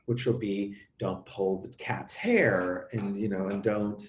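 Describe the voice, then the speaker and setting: A middle-aged man talking openly as an interview guest, animated and halting, often restarting and acting out sounds. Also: on the low side, reverberant. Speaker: actor and coach, interview guest. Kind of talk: emotional conversational interview.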